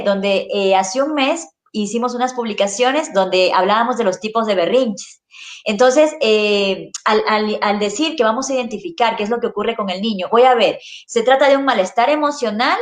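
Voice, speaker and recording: A woman, a child neuropsychologist, patiently explaining parenting in an interview and adding little checking questions. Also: on the high side. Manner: patient, explains with rhetorical tags. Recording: echoey room.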